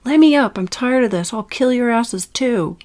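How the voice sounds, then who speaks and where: A woman's voice: medium pitch, expressive, normal speed, warm tone. A woman voicing a tough young woman with new powers, who talks bluntly and swears. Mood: angry.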